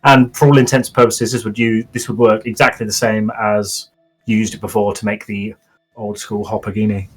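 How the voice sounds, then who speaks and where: A man's voice: on the low side, level tone, brisk, breathy edge. A man narrating a tabletop game as game master, talking players through their actions.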